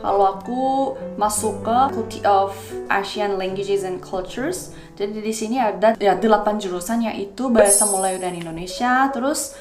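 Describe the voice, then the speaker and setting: Young adult woman, Korean accent, casual vlog explainer, mid-pitched voice, roomy echo, music in the background. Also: normal speed. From South Korea. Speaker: video host.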